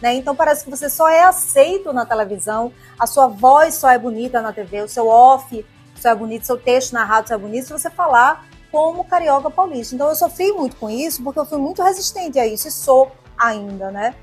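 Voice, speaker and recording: A woman with a Pernambuco accent answers interview questions in her forties, talking fast and expressively and tagging her sentences with little checks for agreement. Her voice sits a bit high and has a husky edge, with faint music behind her. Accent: Pernambuco Portuguese. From Pernambuco, Brazil. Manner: warm, expressive, chatty with frequent tag questions. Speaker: TV presenter and interview guest.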